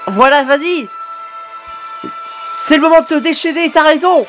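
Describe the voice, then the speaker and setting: A woman hosting a reaction video, excitedly cheering, swearing at the screen and turning hushed when moved. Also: high-pitched, normal speed, music in the background. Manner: turns hushed and emotional at sad moments. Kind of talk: live reaction commentary.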